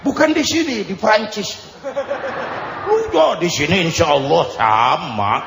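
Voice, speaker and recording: A man delivering a lively storytelling sermon, acting out the people in his tale with dramatic shouted calls. His voice sits high. It rings through a large echoey hall with faint ambience behind it. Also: moderate pace, noisy background. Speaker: preacher.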